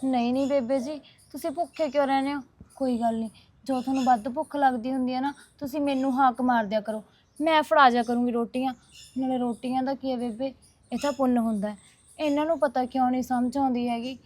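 A woman's voice: high-pitched, steady tone, fast talker, darkish tone. A woman playing a kind young neighbour who comforts an old woman in a reassuring tone. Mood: soothing. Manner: soothing, reassuring.

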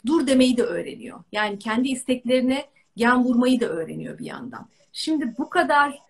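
A woman moderating an interview, asking thoughtful questions with hesitant pauses. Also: a little high, expressive, creaky. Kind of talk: interview talk.

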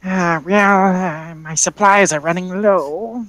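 A game master voicing a fussy, polite old woman shopkeeper who appraises items, speaking slowly with hesitations. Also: medium pitch, fairly even intonation, a bit bright, no echo, pitched above the performer's own voice, poor audio. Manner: slow, polite, hesitant with many ums. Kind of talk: tabletop game character voice.

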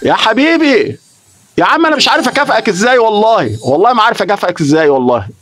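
Over music, this young Egyptian man talks rapid-fire in a high, sing-song voice during a casual live-stream chat. His Egyptian Arabic speech is emotional and repetitive, and he keeps swearing oaths.

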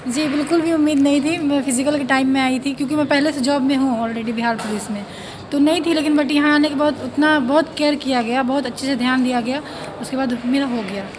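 A woman's voice: high-pitched, fairly even intonation, brisk, a little hiss or hum. A woman recruited to the police answers plainly and matter-of-factly into a handheld mic. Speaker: police sub-inspector recruit. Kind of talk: interview answer.

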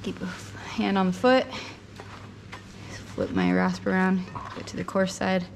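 Working on a hoof in an indoor barn, a young woman talks casually in brief, faltering phrases, her medium-pitched voice fairly even. Rasping files, scraping and clattering tools are plainly audible on a concrete floor.

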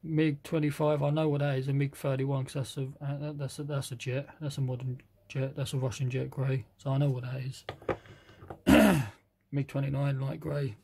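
A British man casually reviewing a box of model paints, reading out colour names haltingly and admitting he can't pronounce some. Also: medium pitch, little pitch movement, creaky, mellow, slight background noise.

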